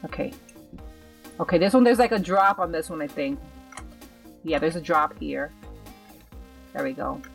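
A woman's voice: sits low, normal speed, vocal fry, long pauses, recorded from a distance, faint music behind. A woman hosting her gaming channel, giving live gameplay commentary with nervous, self-coaching chatter.

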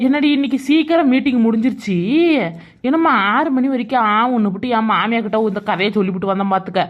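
A woman voicing a bossy, sharp-tongued village woman friend. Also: a little high, fast, dull audio, natural voice. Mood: inviting.

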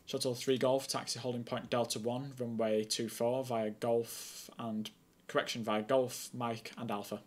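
A young man streaming as an air traffic controller, chatty and excitable between calm, clipped radio instructions. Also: mid-range voice, measured pace, hardly any pauses. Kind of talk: casual streaming chat and radio calls.

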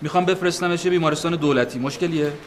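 A man's voice: a little high, a little hiss or hum, close to an everyday voice. An actor playing a stubborn man who argues insistently with hospital staff over his niece. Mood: urgent, defiant. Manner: insistent, argumentative. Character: stubborn pushy man, brother, hospital row. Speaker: patient's uncle arguing with hospital staff.

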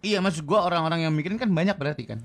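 A man co-hosts a radio show, teasing his partner and throwing out questions. His voice sits a little high. Soft music plays under the talk. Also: very fast. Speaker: radio co-host. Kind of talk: casual radio banter. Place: radio studio.

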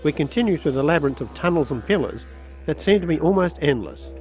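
Travelogue presenter, male, Australian, scripted narration in a higher register over background music. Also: animated, fast, darkish tone. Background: music under voice-over.

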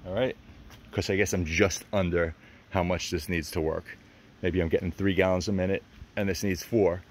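A man in his fifties with a very low voice talks through a home repair fix, rambling and repeating himself as he goes. He films himself on a handheld phone out in a driveway, with a faint hiss of outdoor noise behind him. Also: fairly even intonation, moderate pace. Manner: rambling, repeats words, apologetic. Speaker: DIY video maker. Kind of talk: casual how-to explanation. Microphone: phone camera held by hand.

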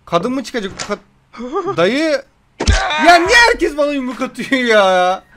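Excitable young man yelling over gameplay. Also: very high-pitched, slow, heavy background noise. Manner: excitable, yells and jokes at the game. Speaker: gameplay commentator. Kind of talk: gameplay commentary.

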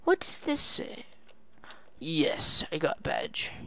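Slow-talking woman doing gameplay commentary. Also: deep voice, vocal fry. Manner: excited squealing "yay" cheers and laughter; playful goofy broken phrasing. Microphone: desk microphone.

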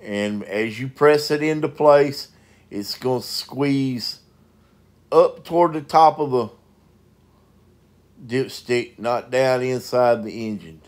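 A man's voice: mid-range voice, darkish tone. A man, a mobile mechanic narrating a repair video in a folksy, plain-spoken way.

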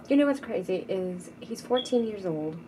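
A middle-aged woman chatting casually at home while doing her makeup, rambling and often sinking to a soft murmur. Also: mid-range voice, poor audio. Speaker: beauty vlogger. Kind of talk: casual makeup tutorial chat. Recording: noticeable background noise. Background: teenager gaming loudly in the background.

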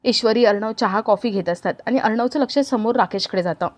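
A woman with a fairly high voice narrates a family drama scene by scene. Her delivery is plain and steady, the style of a scripted recap. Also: a little fast. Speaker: storyteller.

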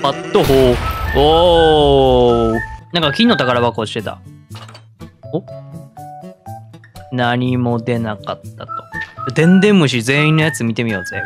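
A man with a Kansai accent giving excitable let's-play commentary, talking to himself with sudden exclamations. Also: mid-range voice. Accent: Kansai Japanese. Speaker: gaming channel host.

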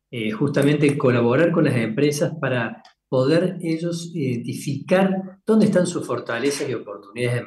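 A man, a company founder, explaining ideas in a measured way with frequent tag questions. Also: mid-range voice, darkish tone, reverberant. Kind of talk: casual business interview.

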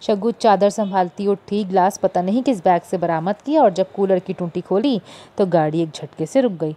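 Narrating a novel for an audiobook, this woman speaks at a moderate pace in a mellow voice. She voices the characters by lifting into higher, more animated tones for their lines.

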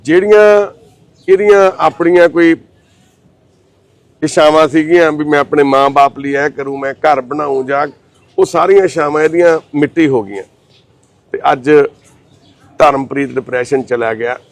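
A man speaking in a gentle, reassuring, fatherly tone as a social service volunteer. He talks plainly and informally, moving between comforting words and a steady explanation to the camera. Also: on the high side, normal speed, long pauses, dry recording. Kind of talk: consoling talk and on-camera explanation.

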